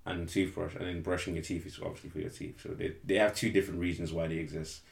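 A man's voice: low-pitched, little pitch movement, quick pace, vocal fry, reverberant. A young man, chatting casually as a podcast co-host, rambling and correcting himself, laughing easily. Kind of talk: casual chat.

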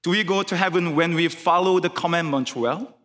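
A man serving as guest preacher, Korean by first language, delivers his sermon in careful, Korean-accented English, often going back to restart phrases. His high-sitting, fairly bright voice moves at normal speed, and the sanctuary adds a long reverb tail.

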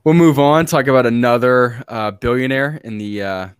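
A man's voice: medium pitch, moderate pace, clean tone, dry recording. A man hosting a casual podcast in a mid-range voice. The sound is dry and close, and he keeps things moving in an easygoing, filler-heavy way. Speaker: podcast host.

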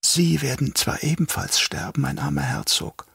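A man voicing a sly, half-mad old doctor who turns traitor, speaking in a hushed, whispery, drawn-out voice. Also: on the high side, fairly even intonation, vocal fry, slightly rough, dry recording, clean studio sound, voice pushed up, exaggerated voice. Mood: sly menace.

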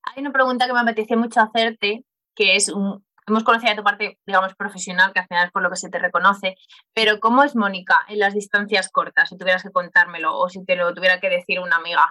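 A woman's voice: mid-range voice, steady tone, fast talker, sharp tone, poor audio. A woman podcast host who interviews her guest in a casual conversation, listening attentively and answering with short encouraging replies.

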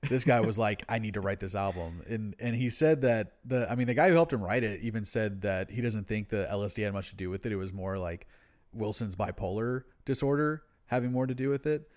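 A man co-hosting a podcast, casually discussing music in a laid-back, slangy, sweary stoner manner, as someone who is habitually high. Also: brisk, a little mellow. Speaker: podcast co-host.

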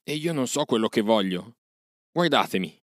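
A man's voice: fairly low pitch, normal speed, fairly bright tone, no room sound, clean studio sound. A man voicing a proud young man-cub raised by wolves, giving urgent commands in an audiobook reading. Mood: commanding. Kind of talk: audiobook character voice.

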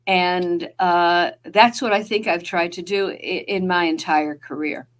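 A woman with a New Jersey accent, a guest author in an interview, speaking thoughtfully and measured, with pauses and fillers. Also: fairly low pitch, steady tone. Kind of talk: podcast interview.

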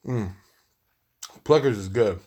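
On his solo podcast, this young host rambles through a casual rant, profane throughout, packed with fillers, and eating into the mic. He speaks slowly in a fairly low, darkish voice with a slight roughness.

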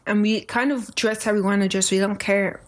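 A woman's voice: mid-range voice, fairly even intonation, a little fast. Chatty Irish woman in her twenties. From Democratic Republic of Congo, raised in Ireland. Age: 20s. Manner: chatty, laughs often, acts out quoted people. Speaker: podcast guest. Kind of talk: casual interview chat.

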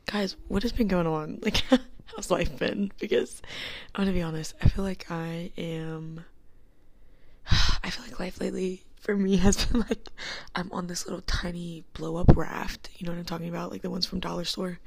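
A woman's voice: fairly low pitch, steady tone, moderate pace, creaky. A young woman talking on her own podcast from her dorm room into a small handheld mic, rambling and giggly with lots of fillers, often half-whispering. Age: young adult. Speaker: podcast host. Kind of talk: casual solo chat.

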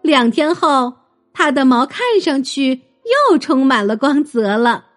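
A woman narrating a children's story in a gentle, expressive way. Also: sits high, a little slow, soft background music.

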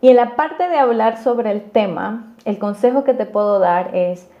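A woman's voice: on the high side, a little slow, dull audio. A woman giving personal relationship advice in an earnest, explanatory way, often checking in with her listeners. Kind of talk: advice talk to camera.

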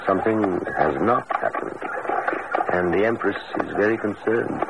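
An actor playing a grave, discreet nobleman and imperial envoy in a radio drama, speaking formally and deliberately. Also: on the low side, creaky. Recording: very noisy old radio broadcast.

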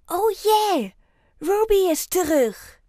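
A bubbly young boy who is always eager to run, voiced by a woman reader talks in a high, bright voice that bounces with excitement. This storybook character is recorded dry and close. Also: drawn-out words, no room sound. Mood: excited. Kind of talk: children's audiobook character voice.

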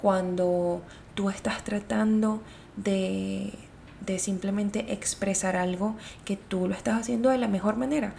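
Woman host, expressive casual explainer, slight gravel in the voice. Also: mid-range voice, unhurried, a little hiss or hum. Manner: chatty and expressive, addresses viewers directly. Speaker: video host giving communication tips.

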